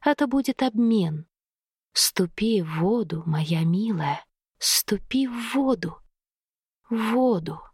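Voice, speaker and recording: A woman voicing a seductive, half-fish female river creature, speaking in a slow, coaxing whisper. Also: mid-range voice, lively intonation, a little mellow, slightly rough, no echo, studio quality, full character voice.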